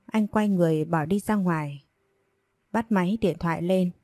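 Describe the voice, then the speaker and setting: A woman narrating a scripted audio story in a calm, even reading voice. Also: lowish voice, normal speed, dry recording, studio quality, soft background music.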